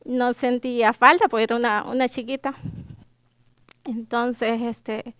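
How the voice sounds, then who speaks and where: A young woman with a Salvadoran accent recounts her life in a high, clear, smooth voice, speaking slowly. She hesitates often with fillers and restarts, emotional and fighting back tears. The sound is close and dry. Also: flat delivery, fairly bright tone, no room sound. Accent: Salvadoran Spanish. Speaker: guest sharing her life story. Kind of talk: personal testimony.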